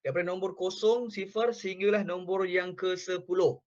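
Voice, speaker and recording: A young man teaching a relaxed language class, explaining phrase by phrase and repeating words slowly. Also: sits high, lo-fi sound. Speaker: Mandarin language tutor.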